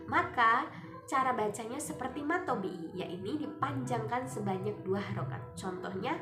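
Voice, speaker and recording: A woman, a student, explaining recitation rules step by step and drawing out the example words slowly. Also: medium pitch. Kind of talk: recited tajwid lesson with Quran examples. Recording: echoey room, faint music behind.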